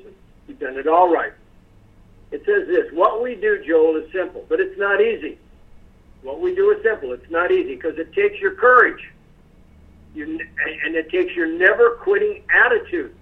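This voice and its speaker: A man hosting a sales conference call, praising his team effusively and giving a motivational talk. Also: fairly high pitch. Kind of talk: casual motivational speech. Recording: tinny phone line.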